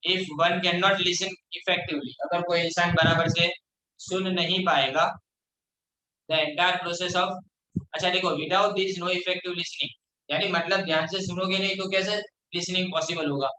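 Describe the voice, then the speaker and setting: A man teaching a college class, who reads English lines slowly and then explains them in Hindi. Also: sits high, flat delivery, bright, forceful tone, reverberant, low-quality recording. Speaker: college lecturer.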